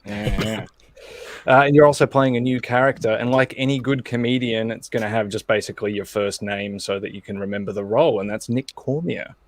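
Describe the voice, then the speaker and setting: A man's voice: fairly low pitch, fairly quick. A man hosting an online table read over a video call, chatty and easygoing and laughing often. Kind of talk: casual video-call chat.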